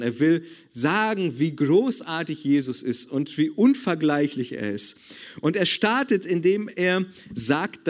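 A man preaching a sermon in a church service, emphatic and repetitive, calling for amens. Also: fairly high pitch.

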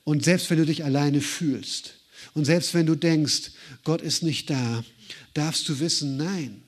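A man preaching a sermon, speaking straight to each listener with repeated rhetorical questions. His voice sits somewhat high, and he varies his delivery between quick, lively bursts and slow, weighty phrases. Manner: direct, personal address with rhetorical questions.

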